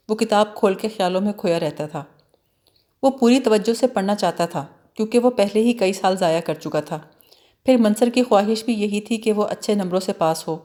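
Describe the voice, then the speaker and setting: A woman narrates a novel for an audiobook in a mellow, warm voice at a middling pitch. Her telling is expressive, and she slips into the characters' lines as she reads.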